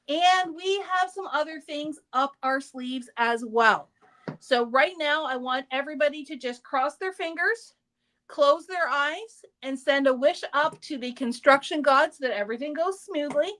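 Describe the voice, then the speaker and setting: A woman with a high, bright-sounding voice hosts a craft shop's live show. She chats in a casual, upbeat way and teases a little as she talks through products and store dates. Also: unhurried. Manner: chatty, upbeat, teasing. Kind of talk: casual livestream product chat.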